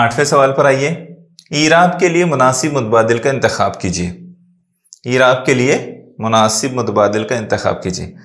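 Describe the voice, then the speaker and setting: Man, urdu accent, teaching grammar, patient, answers his own questions, echoey room. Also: mid-range voice. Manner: patient, asks questions then answers them himself. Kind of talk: exam-prep grammar lesson.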